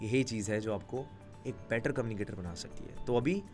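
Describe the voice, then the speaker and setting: A young man giving a casual explainer talk as a business YouTuber, chatty and relaxed, slipping English phrases into his speech. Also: fairly low pitch, brisk, soft background music. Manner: conversational, mixes Hindi with English phrases.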